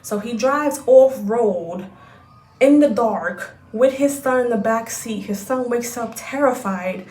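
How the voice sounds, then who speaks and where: A woman vlogger giving a ranting film recap, animated, exasperated and profane. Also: fairly high pitch, takes it slowly, roomy sound.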